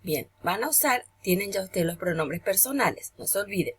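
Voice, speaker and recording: A woman teacher giving a remote lesson to children, gentle and patient, saying each term slowly. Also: medium pitch, animated, breathy edge.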